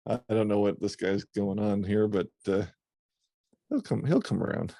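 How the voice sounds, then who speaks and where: A man with a gravelly, creaky voice chatting casually on a podcast, easygoing and a little hesitant. The sound is close and dry, with no room echo. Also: on the low side, moderate pace, warm tone. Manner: easygoing, hesitant with frequent uh fillers. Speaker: podcast co-host. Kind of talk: casual chat.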